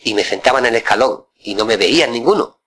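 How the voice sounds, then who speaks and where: Older guy rambling on, stutters repeats, keeps asking "right?", bright tone. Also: mid-range voice, animated, quick pace, a little hiss or hum. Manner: rambling, repeats words, frequent tag questions. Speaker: interviewee, flamenco guitarist. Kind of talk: casual reminiscing.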